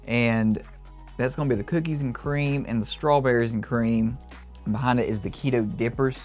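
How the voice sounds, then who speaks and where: A man giving an enthusiastic, casual review of low-carb snacks, reacting as he tastes them. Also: fairly even intonation, moderate pace, a little mellow, faint music behind. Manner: upbeat, enthusiastic tasting reactions. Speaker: food reviewer. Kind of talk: casual product review vlog.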